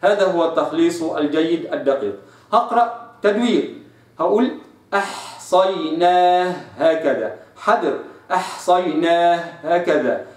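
A man with an Egyptian accent teaching Quran recitation, explaining and slowly demonstrating letter sounds. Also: fairly high pitch, lively intonation. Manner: slow drawn-out sound demonstrations between explanations. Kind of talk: tajweed lesson with demonstrations. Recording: echoey room, voice a bit distant.

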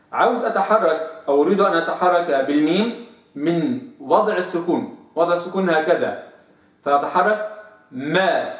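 A man with an Egyptian accent teaching recitation, who explains each point and then drawls out sample sounds slowly in a lower voice. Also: distant mic. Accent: Egyptian Arabic. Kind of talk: tajweed lesson. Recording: echoey room, voice off-mic.

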